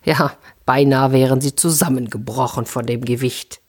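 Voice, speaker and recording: A woman reading a fairy tale aloud for children, lively and expressive. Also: very deep voice, moderate pace, husky. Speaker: storyteller.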